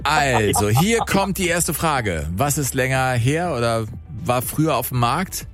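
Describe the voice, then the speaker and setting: Lively, animated radio quiz host. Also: male voice, mid-range voice, soft background music. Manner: chatty, quick, laughs with callers.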